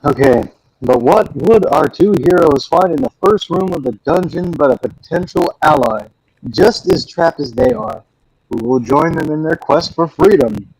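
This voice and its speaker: A boy dungeon master sets the scene for a fantasy quest in grand storybook tones, as a young man puts him on. His voice is gravelly and fairly high, slow and weighty on each line. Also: big pitch swings, a little mellow, full character voice, poor audio.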